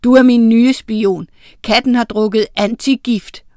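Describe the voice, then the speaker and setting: A woman's voice: on the high side, steady tone, a little mellow, smooth, no echo, clean studio sound, lightly acted. A woman voicing a wicked female witch who is bossy and scheming, in a storybook reading.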